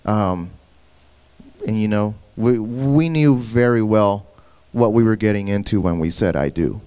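Earnest man with a smooth, low voice. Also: unhurried, warm tone. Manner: earnest, with restarts and repeated words. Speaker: panel guest. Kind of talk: personal testimony about marriage.

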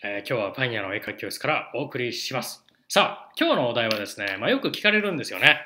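Man, English teacher, casual video lesson, animated, bright voice. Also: mid-range voice, quick pace, a little hiss or hum. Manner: chatty, animated explaining with spoken examples.

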